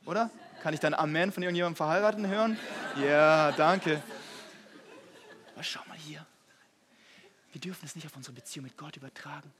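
A young man preaching a sermon to a congregation, animated, swinging from hushed whispers to loud shouting. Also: fairly high pitch, a little fast, pauses often, noisy background. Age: young adult. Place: church hall before a congregation.

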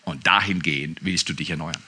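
Husky-voiced man preaching, bright edge. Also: very deep voice, fairly quick. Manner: swings between emphatic outbursts and quiet asides; conversational preaching with direct questions to listeners. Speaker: pastor. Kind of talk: sermon.

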